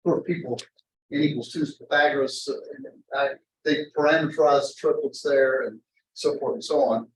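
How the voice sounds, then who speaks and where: A man giving an informal university math lecture in a rambling, halting way, often interrupting himself and drifting into asides. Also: medium pitch, steady tone. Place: indoor classroom. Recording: echoey lecture room, distant mic.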